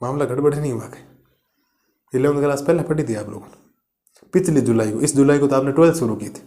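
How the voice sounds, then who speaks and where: Talking a little fast in a dark-toned, medium-pitched voice, a man teaches maths in a classroom lecture video. He goes step by step, encourages and reassures the students, and throws rhetorical questions at the class.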